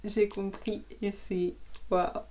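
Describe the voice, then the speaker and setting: A woman who reads books aloud, winding down a session with a casual, rambling chat. Her voice sits at a middle pitch, soft and musing, and now and then it drops to a whisper. She sounds relaxed, at home. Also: slow. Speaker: audiobook reader.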